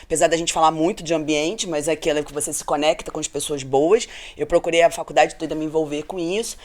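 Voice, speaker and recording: A woman's voice: sits low, fast talker. A middle-aged woman physician, telling her story in a casual interview and often tagging her sentences with "né?". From Brazil, Rio de Janeiro state. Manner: animated storyteller, frequent "né?" tag questions. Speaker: physician guest.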